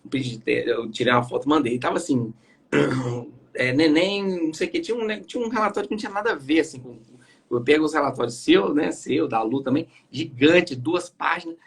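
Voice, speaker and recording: A man with a Brazilian Portuguese accent, a pediatrician talking as a guest from his home on a video call. He tells lively stories and acts out what the mothers say. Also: on the high side, brisk, vocal fry, husky. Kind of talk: casual live chat.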